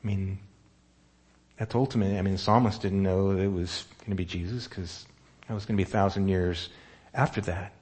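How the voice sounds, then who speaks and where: Lower-voiced man preaching conversationally. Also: fairly even intonation, fairly quick, darkish tone. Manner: conversational, asks the room questions. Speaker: pastor. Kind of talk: sermon.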